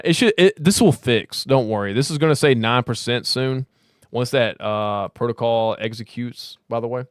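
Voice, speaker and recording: A man's voice: mid-range voice, clear, resonant tone, no room sound, studio quality. Tipsy, rambling man streaming. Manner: loose, rambling, swears freely, laughs often. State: tipsy, slurring slightly. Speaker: crypto livestream host. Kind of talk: casual livestream chat.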